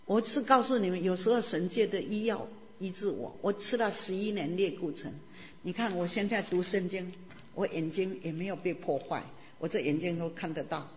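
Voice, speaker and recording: A woman's voice: lowish voice, normal speed, darkish tone, a little hiss or hum. A woman from Taiwan, giving an earnest, fervent church testimony. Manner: earnest, fervent preaching with tag particles. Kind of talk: testimony sermon. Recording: long reverb of a large hall.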